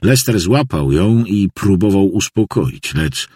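A man reading a novel aloud as an audiobook narrator, in a measured, expressive way. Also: sits low, husky, dry recording, studio quality. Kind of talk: scripted narration.

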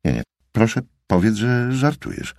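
A man's voice: lowish voice, sing-song, moderate pace, a little mellow, dry recording, voice pushed up. A man voicing a wry, exasperated woman detective in an audiobook, with a dry, sarcastic manner.

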